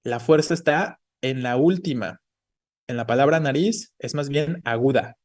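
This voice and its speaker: A man's voice: mid-range voice, unhurried, darkish tone. A man teaching an online class, explaining patiently and checking in with the students often. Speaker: Spanish teacher.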